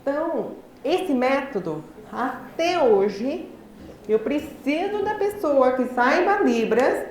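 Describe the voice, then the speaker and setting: High-voiced Brazilian woman in an echoey hall. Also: very animated, darkish tone. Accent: Brazilian Portuguese. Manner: deliberate, effortful articulation of a speaker who learned speech late. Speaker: lecturer. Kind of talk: personal storytelling talk. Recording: very echoey hall, faint background noise.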